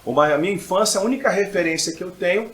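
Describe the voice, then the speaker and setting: Talking very fast in a high, fairly bright voice, a middle-aged pastor and preacher from Brazil shares his personal testimony on a podcast. He is emphatic, repeating phrases for effect, and the room sounds echoey.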